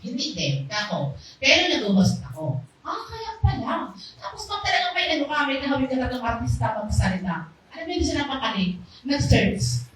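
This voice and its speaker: A woman giving a lively, loud testimony to a small church congregation in a casual, animated manner. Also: high voice, fairly quick. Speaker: church speaker sharing a testimony. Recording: very echoey hall, voice far off, faint background noise.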